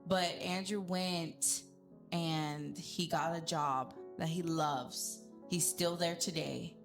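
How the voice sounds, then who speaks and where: A woman's voice: low-pitched, slow pace, vocal fry. A young woman chatting casually as a podcast guest, telling stories and acting out what people said. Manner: animated storytelling, acts out quotes. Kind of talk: casual chat. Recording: echoey room with music behind.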